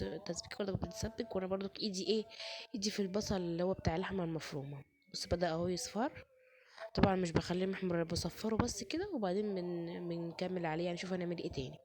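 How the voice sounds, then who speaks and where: A hoarse woman with an Egyptian accent, chatting to her viewers while cooking in a home kitchen. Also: on the low side, racing, noisy background. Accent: Egyptian Arabic. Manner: chatty, addresses viewers directly. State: hoarse, sore chest, fasting. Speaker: cooking vlogger. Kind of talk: casual chat narrating cooking.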